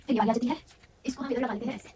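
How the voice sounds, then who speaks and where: A woman's voice: on the high side, steady tone, racing, mellow, a little hiss or hum. A young woman thinking aloud as she works, often correcting herself in a casual vlog. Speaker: vlogger. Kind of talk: casual narration while decorating.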